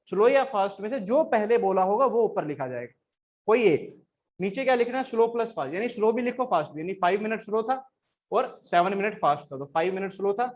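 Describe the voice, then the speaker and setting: A man's voice: sits high, a little mellow. A man teaching a lesson in a coaxing manner, asking questions and answering them himself on words. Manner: coaxing, repeats questions and answers, calls listeners beta. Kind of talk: classroom lesson.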